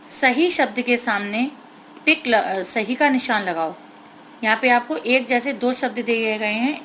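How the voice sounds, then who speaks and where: A woman teacher slowly explaining a grammar lesson to young children, sounding out words carefully and mixing in English words. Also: a little high, a bit bright, a little hiss or hum, poor audio.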